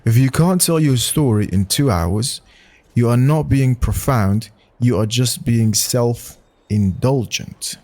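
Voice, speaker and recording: A man's voice: mid-range voice, slow pace, dark tone. A man reading online hot takes aloud and giving his own blunt, casual opinions on them, with swearing and frequent restarts. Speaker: narrator and commentator. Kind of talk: reading and reacting to posts.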